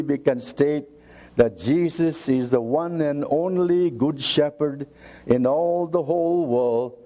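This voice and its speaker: A man preaching a sermon, slow and emphatic, repeating key phrases for weight. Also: medium pitch, warm tone.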